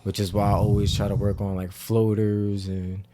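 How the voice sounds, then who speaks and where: A young man co-hosting a podcast, telling a story in a relaxed, casual way with fillers. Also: on the low side, normal speed, slight background noise. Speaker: podcast co-host. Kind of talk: casual chat.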